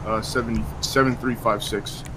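A man's voice: medium pitch, steady tone, normal speed. A man playing a patrol officer in a police role-play, calling in with clipped procedural radio chatter. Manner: clipped, procedural call-ins.

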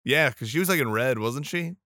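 Playful, animated podcast co-host. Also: male voice, medium pitch, fairly quick, dry recording, clean studio sound. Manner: playful, teasing, laughs through lines. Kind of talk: casual chat.

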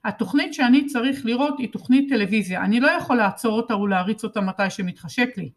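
A bossy teenage older brother who sneers and taunts his younger sibling, as a woman reading a storybook puts him on. The voice sits a little higher and pushes harder than a plain reading voice. He orders people around and mocks whatever he hears. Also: natural voice.

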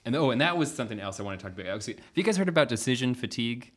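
A man's voice: mid-range voice, lively intonation, racing. A man hosting a casual podcast chat, rambling and laughing often. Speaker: podcast host.

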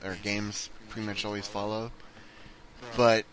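A man's voice: on the low side, flat delivery, unhurried, crowd noise, low-quality recording. A man co-hosting a gaming podcast, easygoing and opinionated in casual chat. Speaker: podcast co-host.

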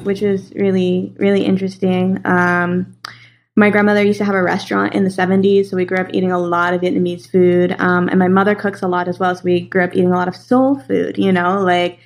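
A woman's voice: fairly low pitch, a little hiss or hum. Chatty young woman, lots of fillers. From Los Angeles. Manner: chatty, many fillers, laughs easily. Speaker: guest. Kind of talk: casual interview conversation.

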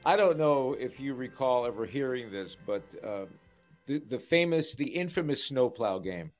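An older male sportscaster on a radio talk show, speaking at an average pitch. He reminisces in a chatty, easygoing way, restarting his sentences as he goes. Faint music plays underneath. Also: animated, moderate pace, a little mellow. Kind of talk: casual radio chat.

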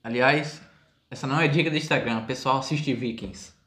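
A man's voice: medium pitch, moderate pace, sharp tone. A man hosting a casual podcast, moving topics along and speaking to the listeners. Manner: steers the talk, addresses listeners. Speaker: podcast host. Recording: echoey room, faint noise.

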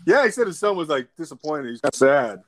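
Man, casual chat, rambling storyteller, slightly high, very lively intonation. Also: a little fast, a crowd in the background. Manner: rambling storyteller with lots of restarts.

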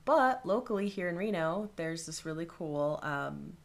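A woman with a slightly low voice co-hosts a casual podcast. She talks in a reflective, encouraging way and giggles easily. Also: lively intonation, measured pace, gravelly. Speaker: podcast co-host.

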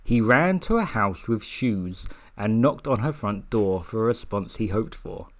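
A man co-hosting a comedy podcast, reading a steamy story aloud with mock drama. His pitch swings widely as he hams up the lines and giggles between them. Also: animated, measured pace.

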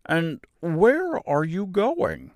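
The Scarecrow, high, slow and swooping. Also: male voice, wildly swooping pitch, no echo, studio quality, exaggerated voice. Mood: grateful, stretching. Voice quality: rather husky. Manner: slow, drawn-out, swooping delivery. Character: friendly, naive living scarecrow, earnest and polite.

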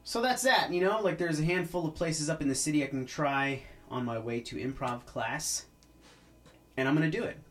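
A man's voice: fairly high pitch, moderate pace. A man, hosting a podcast as a casual, rambling monologue full of restarts. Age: 30s. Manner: rambling, with many restarts and fillers. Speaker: podcast host.

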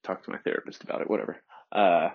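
A twenty-one-year-old man in an introspective solo monologue, talking hesitantly and softly with many pauses, alone in a room, on a dull lo-fi recording. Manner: hesitant, soft-spoken, many pauses and fillers.

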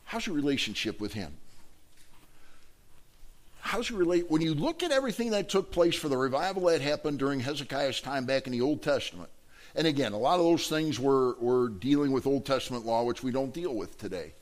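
A man preaching a Sunday morning sermon in an animated way, asking the congregation questions and breaking into loud shouts. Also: mid-range voice. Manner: animated, bursts into loud shouts acting out a sports fan; asks the congregation questions, then ends in prayer.

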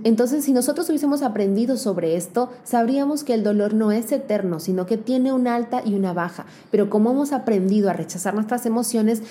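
A woman giving an earnest motivational talk to women, speaking straight to the listener and slowing down to stress key words. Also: mid-range voice. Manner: addresses the listener directly and warmly.

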